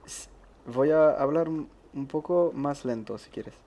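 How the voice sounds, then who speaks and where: In a thin-walled room at home, a man streams a let's-play, chatting casually in a hushed voice while he games, reads the chat, and laughs a lot. His tone is a little high, unhurried, and mellow.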